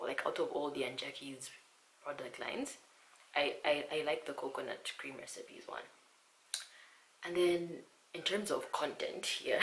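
Hoarse young woman vlogging from home, half-whispering, bright voice, echoey room with a bit of hiss. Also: very deep voice. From Zambia. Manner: half-whispering, soft and hushed at times. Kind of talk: casual chat. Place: small quiet room at home.

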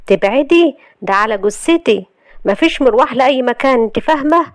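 A woman performs the part of a cold, threatening young husband in Egyptian Arabic. Her voice is fairly high, pitched above her own natural voice yet close to an everyday one, with lively intonation and a slightly fast pace. The recording is clean studio sound without echo.

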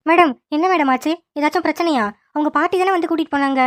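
A woman doing a quick, high cartoon young woman. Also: no echo, studio quality, natural voice. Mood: puzzled. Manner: soothing, reassuring. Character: calm reassuring young woman, caring sister-in-law. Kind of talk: cartoon voice acting.

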